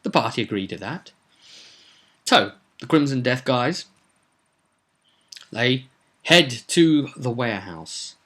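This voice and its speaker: Recapping a roleplay session for his vlog audience, a game master speaks in a mid-range, slightly bright voice, taking it slowly with long pauses. He's expressive, rambling and conversational in a casual way, adding some dramatic emphasis.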